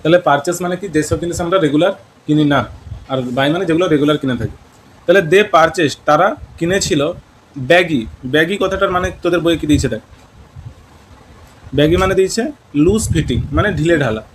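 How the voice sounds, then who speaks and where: A man's voice: on the high side, fast talker, pauses often, slight background noise, low-quality recording. A man teaching an English lesson in Bengali with a West Bengal accent, mixing in English words and questioning his students. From West Bengal, India.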